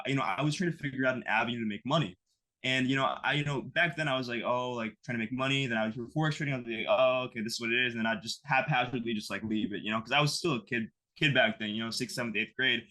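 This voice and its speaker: Fast and sharp-toned, a mid-range male voice belongs to an interview guest in his twenties from the eastern US. His talk is casual and rambling, thick with "you know" and "like."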